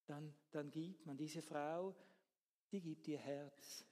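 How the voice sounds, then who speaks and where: Man, pastor, sermon, earnest, slightly higher voice, slow, repeats phrases. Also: fairly even intonation, warm tone, in a large hall.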